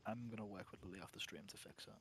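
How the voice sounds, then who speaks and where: A man's voice: lowish voice, rapid-fire, a bit bright, a little hiss or hum. Teasing Liverpool man on a game stream. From England. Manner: teasing, dry jokes, drops to a whisper for asides. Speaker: co-host. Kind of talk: casual gaming stream chat.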